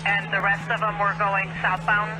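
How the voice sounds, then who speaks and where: A man's voice: high-pitched, completely flat delivery, moderate pace, over loud music. A man working as a police dispatcher, heard over a scanner radio, talking in clipped radio procedure. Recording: loud noisy scanner radio feed.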